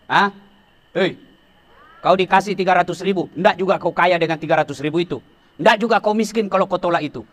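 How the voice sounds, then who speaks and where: Animated high-voiced preacher man. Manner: animated, teasing, swings from shouting to hushed warnings. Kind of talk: humorous sermon to police officers.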